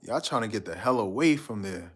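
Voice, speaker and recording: With a fairly low pitch and a breathy edge, this Guyanese man speaks expressively and a little fast. He's hosting a live stream, rambling casually in slang with his viewers and reading their comments out.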